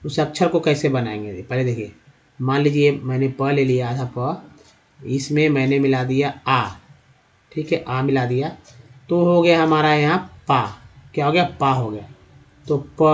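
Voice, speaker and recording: A man's voice: medium pitch, dull audio. A man teaching how to read English words, patiently asking and answering his own questions about each vowel sound. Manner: addresses viewers as friends. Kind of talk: spoken lesson at a board.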